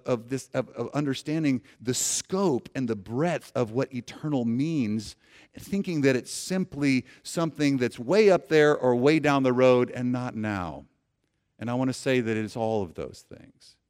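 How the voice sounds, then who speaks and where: A man preaching a sermon, earnestly leading his congregation and often restarting his phrases, swinging from loud emphasis to soft low endings. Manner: earnest preaching, asks congregation to repeat lines aloud; frequent restarts and repeated words. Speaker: pastor.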